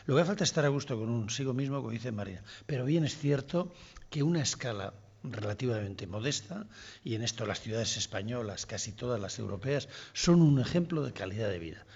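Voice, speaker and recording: Older guy, gravelly raspy voice, thinking out loud, a bit muffled. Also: medium pitch. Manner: reflective storyteller, pauses and restarts. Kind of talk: casual conversation.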